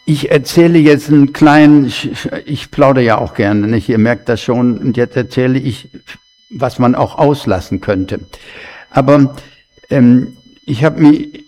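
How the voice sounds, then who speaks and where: A man preaching a sermon in a slow, conversational way, with chatty asides to the congregation. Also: mid-range voice, darkish tone, soft background music. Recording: long hall reverb.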